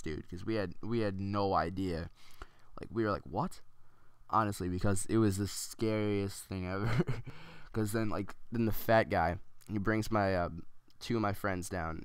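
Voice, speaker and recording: A man's voice: deep voice, steady tone, normal speed, clear, resonant tone, dry recording. A man rambling through a story as casual gameplay commentary, with many ums and restarts.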